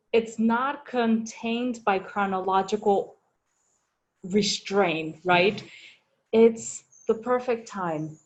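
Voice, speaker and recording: A woman in her forties speaks slowly and earnestly over a video call. She takes her time, reflecting on her path with a thoughtful, unhurried manner. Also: medium pitch. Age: 40s. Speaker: religious sister in formation.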